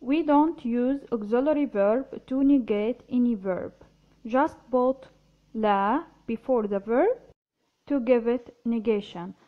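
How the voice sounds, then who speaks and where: A woman's voice: a little high, phone-quality sound. A woman teaching Arabic, reading a short story aloud and explaining its words and grammar in English. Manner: slow, careful explaining, mixing English and Arabic.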